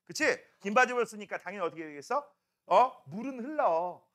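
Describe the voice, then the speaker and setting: Lively, chatty male science teacher. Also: high-pitched, fairly quick. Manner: animated storytelling, chatty rhetorical questions. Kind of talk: classroom lecture.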